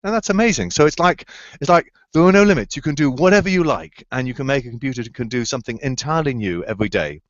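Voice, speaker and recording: A man's voice: medium pitch, lively intonation, fast, no echo. A man on a video call, a researcher answering students' questions enthusiastically, often searching for words with fillers and restarts. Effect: heard over a video call. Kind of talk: explanatory answers in a remote Q&A. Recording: slightly dull, dry video-call audio.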